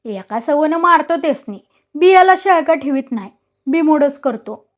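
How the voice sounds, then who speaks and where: A woman voicing a fierce, hot-headed village strongman, reading his lines loudly and with bluster in a told story. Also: very high voice, animated, moderate pace, pitched above the performer's own voice. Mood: boastful. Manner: loud, blustering threats.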